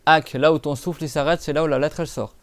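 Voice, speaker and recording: Guy teaching recitation, smooth clear voice, dead dry sound, chatty with lots of fillers. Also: on the high side, steady tone, fast talker, no room sound. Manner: patient, repeats and drills sounds; casual spoken French with many fillers. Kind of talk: live class explanation.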